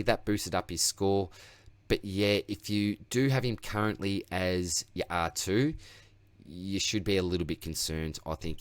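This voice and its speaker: This deep, clear, resonant voice belongs to an Australian man reviewing his fantasy team on his own sports channel. He chats, wanders off topic and mocks himself as his voice grows tired, with no echo in the audio.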